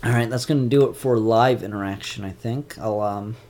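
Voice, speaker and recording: A man hosting a casual live-stream comic review, chatty and animated, with a stuffed-up nose. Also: on the low side, a little fast. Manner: chatty and animated, mock-grumpy asides. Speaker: comic book reviewer and YouTuber.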